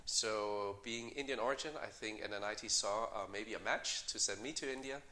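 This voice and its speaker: A middle-aged man, a company co-founder, answering interview questions in a measured way with many fillers and restarts. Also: fairly low pitch, bright, forceful tone. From Denmark.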